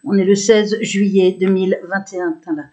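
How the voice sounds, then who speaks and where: A woman's voice: medium pitch, fairly even intonation, a little fast, mellow. A woman poet speaking unscripted to her subscribers through a camera, rambling and aggrieved, with frequent restarts and repeated words. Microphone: camera built-in mic.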